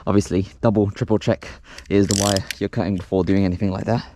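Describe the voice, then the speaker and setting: In a deep, dark-toned voice with little pitch movement, a man talks fast while casually narrating hands-on home renovation. He hosts a renovation vlog, thinks aloud unscripted as he works, and the home recording is noisy with clicks.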